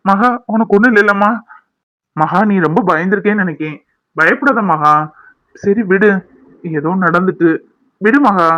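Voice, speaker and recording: A man plays a doting young cartoon husband, earnest and reassuring, in a high, bright voice. Close, dry sound. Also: normal speed, long pauses, no room sound, lo-fi sound. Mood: soothing. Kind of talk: cartoon voice acting.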